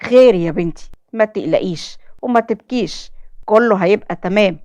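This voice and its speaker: A woman narrator plays a kind older driver with an Egyptian accent who speaks gently and reassuringly, like a father. He is a warm supporting figure in a spoken story. The sound is dry and close to the mic. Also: medium pitch, expressive, a little fast, dry recording, lightly acted. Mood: comforting. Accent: Egyptian Arabic.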